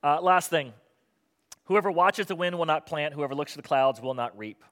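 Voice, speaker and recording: A man's voice: on the high side, normal speed, a bit bright. A man preaching a sermon as pastor, earnest and at times sarcastic. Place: church hall. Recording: long hall reverb.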